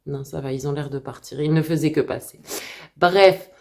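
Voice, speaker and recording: A woman chatting casually to camera as a book vlogger at home, hesitant and full of filler pauses. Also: sits low, creaky, darkish tone.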